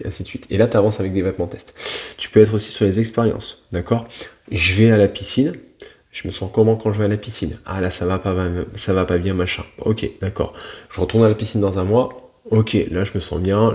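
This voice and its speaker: A man's voice: on the low side, steady tone, fairly quick, darkish tone. A man coaching in a casual, slangy, blunt manner, talking straight to the listener. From France. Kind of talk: casual motivational talk.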